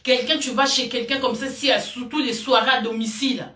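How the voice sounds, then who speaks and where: A woman's voice: on the high side, fairly even intonation, brisk, bright, forceful tone, reverberant. A woman gives emphatic, rambling commentary straight to camera and repeats her points often. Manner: emphatic, repetitive, rambling, addresses viewer as "ma chérie". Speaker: vlogger.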